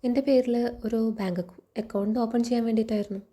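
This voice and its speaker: Calm, defiant young maid voiced by a woman, mellow and somewhat high. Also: slightly rough. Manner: firm, measured.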